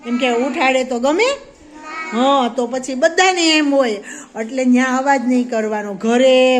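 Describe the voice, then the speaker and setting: A woman teaching a preschool class, asking the children questions and praising their answers. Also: sits high. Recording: faint background noise.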